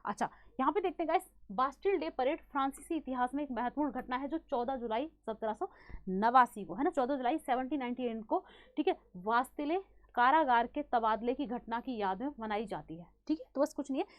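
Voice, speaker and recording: Brief: woman exam-prep teacher, Hindi accent, sore throat, rapid quizzing delivery, high voice. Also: expressive, dry recording. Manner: fast-talking, quizzing students with repeated questions and fillers. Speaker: current affairs teacher.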